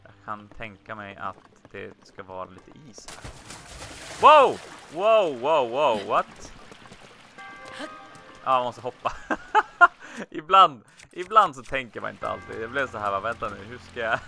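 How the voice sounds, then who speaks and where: A man casually commenting on his own gameplay, chatty and excitable, talking to himself as he plays. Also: on the low side, creaky. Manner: chatty, excitable, talks to himself while playing. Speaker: let's play host. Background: video game music.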